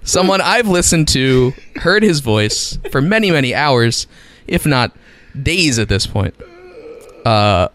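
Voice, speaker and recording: A young man co-hosting a podcast, telling a story in casual chat, animated and swearing. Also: medium pitch, slow pace, slight background noise. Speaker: podcast co-host.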